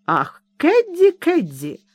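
A woman's voice: mid-range voice, normal speed, no echo, lightly acted. Woman voicing a serene self-absorbed mother. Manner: serene, calm and dismissive. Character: placid self-absorbed middle-aged mother, philanthropist.

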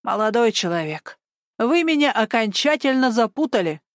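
A woman voicing a stubborn, bossy elderly woman activist who talks insistently and turns shrill when she pushes. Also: sing-song, moderate pace, no echo, studio quality.

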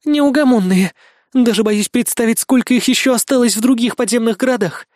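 A man voicing an anxious young woman fighter in an audiobook, in a high, indignant manner. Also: fairly quick, a little mellow, no echo, clean studio sound. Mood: uneasy. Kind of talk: audiobook character voice.

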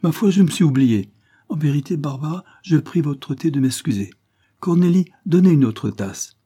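Un homme jouant un jeune avoué calme et ferme. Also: male voice, mid-range voice, moderate pace, lightly acted. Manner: firm, evasive, good-humoured. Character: calm self-possessed young male lawyer.

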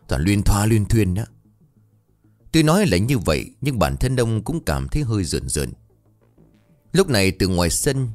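A man narrating a scripted horror story in an expressive, dramatic way. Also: low-pitched, no echo.

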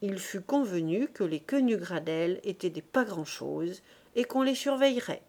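A woman's voice: mid-range voice, expressive, normal speed, darkish tone. Woman reading a classic novel aloud. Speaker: audiobook reader. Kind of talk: scripted narration of a classic novel.

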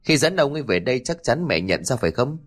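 Uneasy young son, played by the male narrator, hesitant and low-key, for an audio story. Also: big pitch swings, fast talker. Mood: pleading. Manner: hesitant, stammering.

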